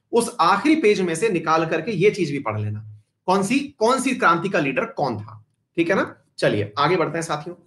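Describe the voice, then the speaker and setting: A man teaching a live online history class, chatty and often addressing his students warmly, mixing English terms into his talk. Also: high-pitched. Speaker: exam-prep teacher.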